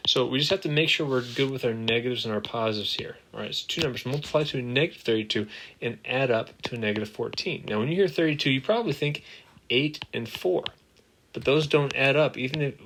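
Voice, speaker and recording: A man who is a math teacher, talking through examples while writing on screen, upbeat and joking at his own slips. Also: mid-range voice. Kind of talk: screen-capture math lesson. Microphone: desktop microphone. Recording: noisy desktop recording with ticking.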